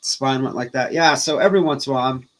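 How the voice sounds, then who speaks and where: A man in his forties chatting casually as a guest, an animated storyteller who pokes fun at himself. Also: mid-range voice, fast. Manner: animated storyteller, self-deprecating. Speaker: podcast guest, disc golfer. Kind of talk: casual chat.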